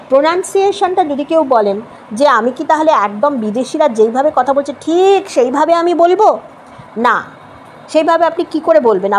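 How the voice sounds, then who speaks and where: High-voiced Bengali woman teaching English. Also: darkish tone, slight background noise, rough recording. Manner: explains step by step, slows down for English examples. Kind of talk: spoken language lesson.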